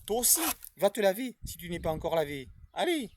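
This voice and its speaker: A man putting on a playful superhero teacher voice for a phonics lesson for young children, high and singsong. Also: sing-song, brisk, noisy background. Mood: cheerful. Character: playful cartoonish superhero teacher, male adult.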